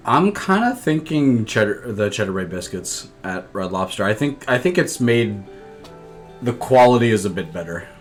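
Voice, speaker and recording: A young man co-hosting a casual podcast, talking in a relaxed, hesitant way with many ums. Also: lowish voice, normal speed, soft background music. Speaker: podcast co-host. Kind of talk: casual chat.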